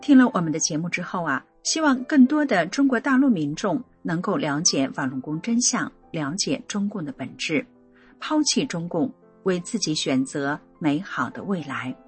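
A woman hosting a radio program, giving a measured, expressive scripted narration. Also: slightly rough, faint music behind. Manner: measured, expressive reading with lively pitch.

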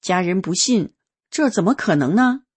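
A woman reading a first-person testimony aloud in a calm, earnest storytelling manner. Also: fairly low pitch, moderate pace, slightly rough.

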